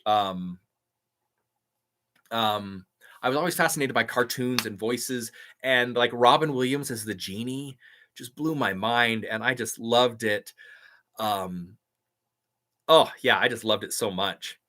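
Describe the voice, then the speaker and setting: This voice actor and YouTuber has a mid-range voice with a sharp tone. On his live stream he's upbeat and chatty, quick to laugh while reading viewers' comments aloud.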